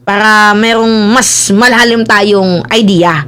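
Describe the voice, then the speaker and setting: A woman doing casual political commentary, excitable and theatrical, laughing often as she talks. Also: medium pitch, takes it slowly, smooth.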